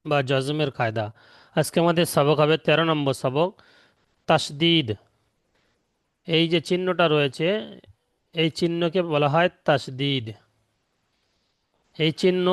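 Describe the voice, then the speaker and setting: A man teaching Quran recitation rules in an online lesson, explaining slowly and patiently and repeating each step. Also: on the high side, clean tone, no room sound, clean studio sound.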